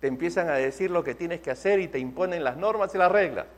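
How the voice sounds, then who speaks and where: A man preaching a sermon, emphatic and slowing down to stress key phrases. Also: on the high side. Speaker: pastor.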